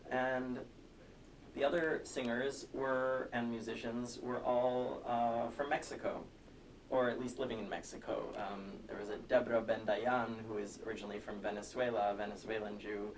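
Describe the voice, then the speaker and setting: An American man telling a story as an interview guest, measured and articulate, on a telephone connection. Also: medium pitch, level tone. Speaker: interview guest, singer and songwriter. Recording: distant, noisy phone connection.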